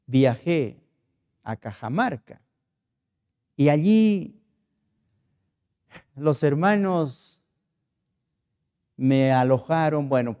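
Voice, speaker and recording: A man's voice: fairly high pitch, warm tone, smooth. A man with a Peruvian Spanish accent, preaching a sermon as pastor. He asks earnest rhetorical questions and tells stories.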